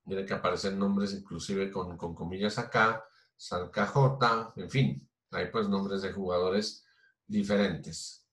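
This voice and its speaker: A man's voice: low-pitched, steady tone, measured pace, fairly bright tone. A man teaching a programming class, explaining patiently step by step with many fillers and restarts. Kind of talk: recorded online class. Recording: roomy echo.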